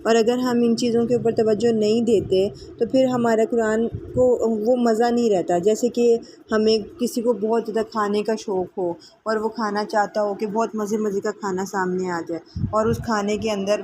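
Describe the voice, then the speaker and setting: Woman teaching slow, careful Quran recitation. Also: medium pitch, a little mellow, slight background noise. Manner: slow drawn-out recitation between quick explanations. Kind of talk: tajweed lesson.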